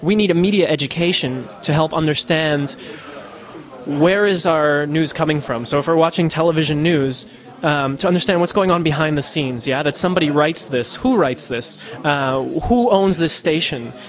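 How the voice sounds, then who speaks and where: This is a male podcaster and citizen journalist from the United States, interviewed in the Netherlands. His pitch sits on the high side and his pace is normal. His answers are casual and considered, full of fillers and restarts.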